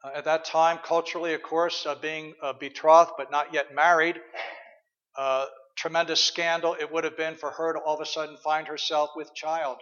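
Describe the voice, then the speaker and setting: A man's voice: on the high side, fairly bright tone, long reverb tail. A conversational male pastor preaching. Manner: conversational, reflective, with frequent fillers. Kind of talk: sermon. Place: church. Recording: dull lo-fi sermon recording.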